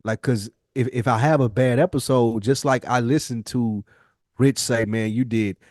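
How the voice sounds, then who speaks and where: In studio-quality audio with no room sound, an American man hosting a podcast reflects casually alongside his co-host. His medium-pitched voice is steady and darkish at a normal speed, and he rambles earnestly and emphatically, mixing in slang and curse words.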